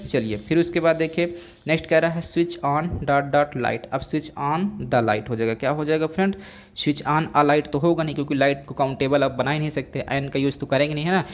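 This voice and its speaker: A young male teacher giving an exam-prep grammar lesson. He keeps asking the class questions, repeats answers slowly and calls his listeners friends. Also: a little high, slight background noise.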